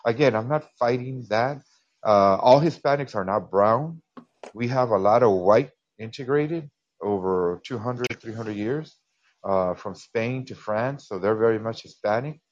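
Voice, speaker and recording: An American man calls into a podcast for a casual chat, speaking earnestly in a mid-range, unhurried voice. He keeps repeating himself and stumbling into stammering restarts. The call audio is dull and lo-fi.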